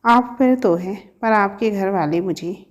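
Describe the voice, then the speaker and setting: A woman's voice: medium pitch, takes it slowly, natural voice. A woman reading a storybook, voicing a shy young female student who teases the man she loves. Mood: shy teasing. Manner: shy, teasing.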